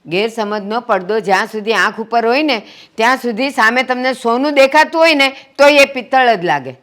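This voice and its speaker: A woman's voice: medium pitch, fairly even intonation, normal speed, a bit bright, natural voice. A woman playing an older mother who heads the family, making peace and lecturing earnestly. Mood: stern scolding. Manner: earnest, scolding when roused. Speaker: family matriarch. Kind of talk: family drama acting.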